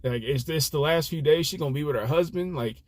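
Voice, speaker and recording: A man's voice: on the high side, brisk, dry recording. Earnest man telling a rideshare story. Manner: earnest, rambling, lots of fillers. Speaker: rideshare driver sharing stories. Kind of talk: casual reflective storytelling.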